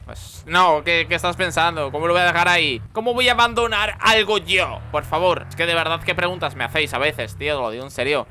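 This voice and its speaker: A young man with a Spain Spanish accent, chatting excitedly and joking while commenting on his gameplay. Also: on the high side, fairly quick, few pauses, slight background noise. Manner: excitable, chatty, jokey, loud outbursts. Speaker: gaming youtuber.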